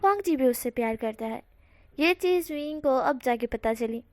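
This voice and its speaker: A woman's voice: sits high, animated, normal speed, darkish tone, no room sound. A woman casually telling a fan-fiction story, dropping English words into her narration. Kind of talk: reading fan fiction aloud.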